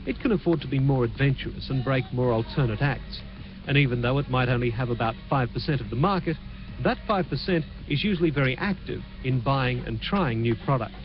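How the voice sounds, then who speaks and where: A man delivers a TV entertainment news report in a measured, clear voice of middling pitch. The sound is a dull, muffled copy, like a low quality stream of an old broadcast. Music plays steadily behind him. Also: animated. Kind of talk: TV news report narration with chat to the anchor.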